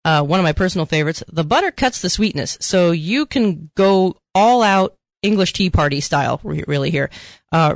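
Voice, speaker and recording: A woman's voice: fairly low pitch, dry recording. A woman co-hosting a casual podcast chat, talkative and playfully bossy as she gives opinions and tips. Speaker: podcast co-host.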